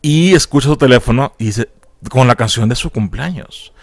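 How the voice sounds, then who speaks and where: A man's voice: medium pitch, normal speed, dry recording. A man with a Mexican accent, recapping a film in a casual, slangy way and acting out characters' lines in a raised voice. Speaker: film reviewer.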